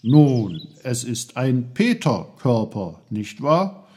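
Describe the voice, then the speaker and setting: A man voicing a tiny, fussy magical old man who explains things briskly. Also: mid-range voice, sing-song, mellow, a little hiss or hum. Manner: bossy, brisk, knowing.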